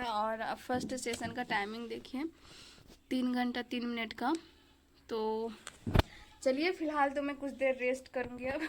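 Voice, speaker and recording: High-voiced chatty young woman vlogging. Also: slight background noise. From India. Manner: chatty, rambling with fillers. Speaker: vlogger, exam aspirant. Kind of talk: casual vlog chat. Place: home kitchen and study table.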